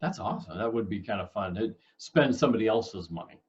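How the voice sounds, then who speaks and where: A man's voice: fairly low pitch, expressive, quick pace, a little mellow, highs cut off. A young man hosting a casual interview for kids, friendly and upbeat with joking asides. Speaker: host, school staff member.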